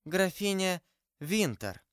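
A man voicing a dying young woman who speaks in a high, trembling, pleading voice. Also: sing-song, takes it slowly, no room sound, clean studio sound, full character voice. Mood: faint. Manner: pleading, emotional.

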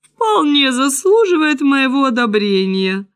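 A woman's voice: sits high, very animated, a little slow, voice pushed up. A woman voicing a vain, foolish king in a storybook reading, pompous and self-satisfied. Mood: pleased. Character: vain foolish male king, middle-aged.

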